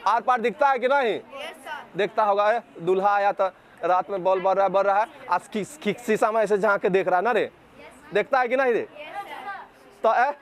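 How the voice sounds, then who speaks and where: A Bihari man with a high voice teaches physics to a group of students. He keeps asking the same question again and again to drill it in, and he scolds anyone who messes around. Children murmur faintly in the background of an outdoor space. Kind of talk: classroom lecture to students.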